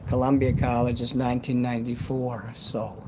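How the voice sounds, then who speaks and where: A man's voice: medium pitch, moderate pace. A man in his fifties from the United States whose s sounds whistle, chatting bluntly and ramblingly as a livestream host. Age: 50s. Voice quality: whistling s sounds from a dental retainer. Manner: blunt, rambling, frequently swearing. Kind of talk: casual livestream chat. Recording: steady background noise.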